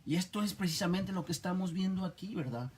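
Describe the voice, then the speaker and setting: A male preacher with a slightly raised pitch leads a Bible study sermon. He talks in short, emphatic bursts, repeating his points and tagging nearly every phrase with a question to the listener. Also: quick pace, darkish tone, husky. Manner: constant tag questions, emphatic and repetitive.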